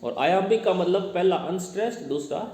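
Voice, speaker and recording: A man's voice: fairly high pitch, animated, a crowd in the background. Man teaching in an echoey classroom. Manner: reads English text slowly, then explains it in Hindi; quizzes students as he goes. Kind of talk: classroom lecture. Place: classroom with students. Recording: echoey room with long reverb.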